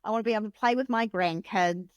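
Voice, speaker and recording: A woman in her late thirties, a podcast guest talking in a chatty, animated way with lots of fillers. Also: medium pitch, fast talker, no echo. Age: 30s. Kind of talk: casual chat.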